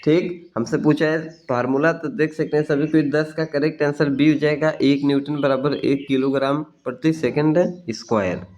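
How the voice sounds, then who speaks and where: Man, exam tutor, brisk repetitive answer walkthrough, fairly high voice, dull lo-fi sound. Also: fairly even intonation, darkish tone. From Bihar, India.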